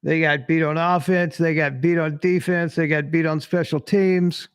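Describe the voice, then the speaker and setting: A man's voice: a little high, steady tone, normal speed, smooth, no echo. A man hosting casual sports commentary, blunt and swearing freely, laughing at himself as he answers chat. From Tennessee. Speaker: sports podcast host. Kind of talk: casual live-stream commentary reading chat.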